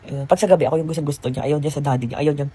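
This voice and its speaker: A woman's voice: sits low, steady tone, very fast, warm tone, husky. A young woman vlogging from a hotel room, telling a rambling, chatty story with lots of fillers. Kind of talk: casual storytelling vlog.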